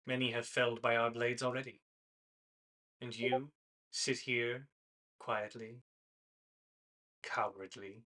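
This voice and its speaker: A man voicing a haughty, menacing elven hunter in a tabletop game, formal, measured and scornful. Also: mid-range voice, little pitch movement, sharp tone, rough recording. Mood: cold contempt. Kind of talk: tabletop game role-play.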